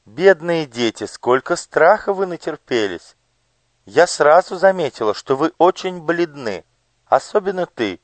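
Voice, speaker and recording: A man's voice: a little high, expressive, unhurried, no room sound, pitched above the performer's own voice. Storybook noble lady, sweet and coaxing with a cruel streak, man reads her in a raised voice. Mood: coaxing, gracious. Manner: singsong, coaxing.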